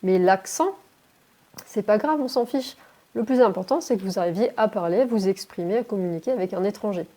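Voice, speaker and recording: Encouraging woman teacher with a mellow voice. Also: medium pitch, brisk. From France. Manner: encouraging, addresses viewers directly. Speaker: English teacher. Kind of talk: motivational vlog talk to camera. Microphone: phone.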